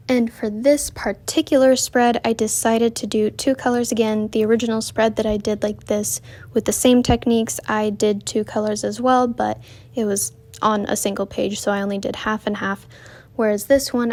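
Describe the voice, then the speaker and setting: Her voice fairly high and a touch mellow, an art vlogger narrates how she made her drawing. She's short of breath from walking as she talks, and the casual narration rambles with plenty of self-corrections.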